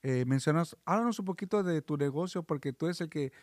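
A man's voice: on the high side, fairly quick, darkish tone, dry recording, clean studio sound. A man co-hosting a podcast, casual and earnest as he advises parents. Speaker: podcast co-host. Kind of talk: casual chat.

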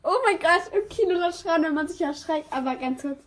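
A woman's voice: extremely high pitch, a little fast. A young woman playing a party game with her close friend, teasing her and laughing along. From known co-host since age three. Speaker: co-host. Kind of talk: casual chat game.

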